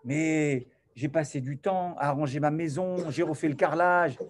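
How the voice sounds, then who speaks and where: A man giving an animated sermon to a class, swinging from loud to soft and acting out little dialogues. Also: a little high, normal speed. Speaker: rabbi teaching a class.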